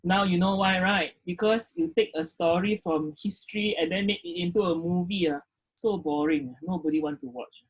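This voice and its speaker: A man's voice: high-pitched, normal speed, husky, rough recording. A man teaching a class over a video call, filling his speech with "okay" and putting questions to his students. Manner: frequent "okay" fillers, questions students directly. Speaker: lecturer. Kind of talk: online class lecture.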